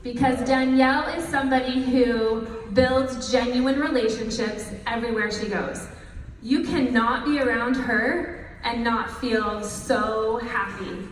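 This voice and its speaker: A session host gives an upbeat, motivational presentation at a breakout session, speaking a little slowly in a slightly high, steady voice. She's captured from afar in a large, echoey hall, with a bit of hiss or hum.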